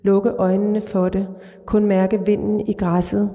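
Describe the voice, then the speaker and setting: Calm woman author reading in a church. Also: medium pitch. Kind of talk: literary reading and interview answers. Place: large church. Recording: reverberant church hall.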